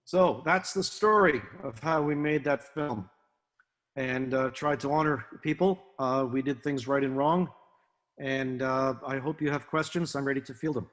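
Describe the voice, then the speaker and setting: A man giving a talk as a guest speaker, telling stories in a halting way with many fillers and restarts. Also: mid-range voice, a bit bright. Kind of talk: talk to a naval association, storytelling. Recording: long reverb.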